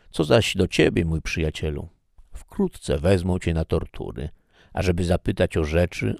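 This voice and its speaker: A man's voice: deep voice, creaky, darkish tone, dry recording, studio quality, full character voice. A man voicing a doomed nobleman in prison in a storybook reading, speaking earnestly and urgently.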